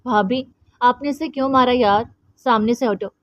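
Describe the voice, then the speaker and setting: A woman voicing a doting young uncle who speaks gently and coaxingly to his nephew. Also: fairly high pitch, normal speed, dull audio, natural voice. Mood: protective.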